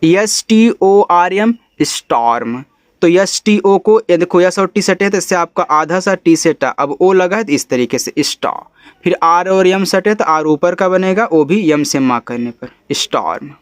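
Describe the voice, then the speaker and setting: A man teaching an English reading lesson, who spells out each letter slowly and then says the whole word lower and softer, checking in with his students. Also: animated, no room sound, studio quality. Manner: coaxing, checks in with "ठीक है?". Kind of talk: step-by-step phonics lesson.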